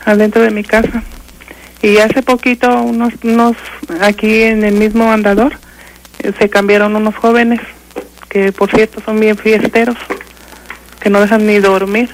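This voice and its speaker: A caller on a radio program, this older Mexican-accented woman tells a ghost story in fits and starts, full of fillers and restarts. The low-quality recording carries a little hiss or hum, and her medium-pitched voice keeps a level tone.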